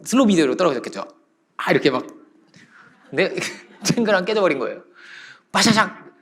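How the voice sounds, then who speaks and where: Male pastor, middle-aged, sermon, animated storytelling, fairly high voice, very lively pitch. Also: a little fast. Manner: animated storytelling with sound words and laughs.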